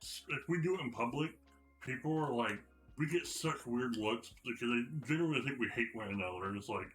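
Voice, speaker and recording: A man of ordinary pitch chats casually on a stream, cracking dry, teasing jokes. Faint music plays behind his voice. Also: lively intonation, a little fast, fairly bright tone, rough recording. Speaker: community founder. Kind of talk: casual group chat on a stream.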